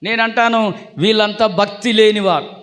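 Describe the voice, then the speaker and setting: A man's voice: high voice, fairly even intonation, normal speed, fairly bright tone. A man preaching a sermon to a church congregation, calling on them for responses and teasing them playfully. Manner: teasing, jokes with listeners. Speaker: pastor.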